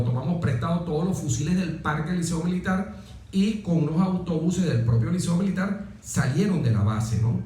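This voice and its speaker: A middle-aged Venezuelan man, a former military aide, tells stories as an interview guest in a fairly high, slightly mellow voice. He repeats words for emphasis and checks in with short tag questions, recorded in an echoey room far from the mic.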